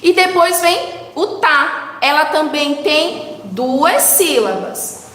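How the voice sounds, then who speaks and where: Woman teacher, high voice, slow patient child-directed delivery, echoey room. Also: expressive, fairly bright tone, a little hiss or hum. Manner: slow, drawn-out syllables, coaxing questions to children. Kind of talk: children's lesson, slow and sing-song. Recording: echoey room with long reverb.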